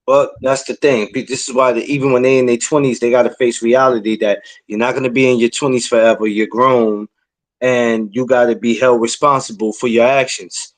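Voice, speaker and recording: A blunt man in his forties hosts a casual podcast. He talks in streetwise slang and lectures a little as he gives advice. His voice sits at an ordinary pitch. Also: flat delivery, a little fast. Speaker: podcast host.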